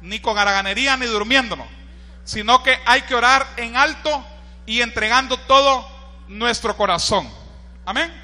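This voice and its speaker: Man, Honduran accent, pastor, sermon, high piercing voice, lively shouting delivery, long hall echo. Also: moderate pace. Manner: animated preaching, shouts quoted cries, frequent rhetorical asides to listeners.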